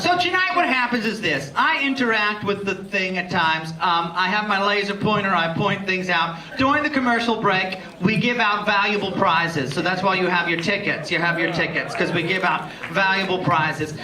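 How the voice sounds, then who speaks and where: A man hosting live stand-up as a drag queen, working the crowd in a campy, theatrical, bawdy manner. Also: high-pitched. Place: live comedy show with audience. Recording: echoey live venue, distant, loud audience laughter.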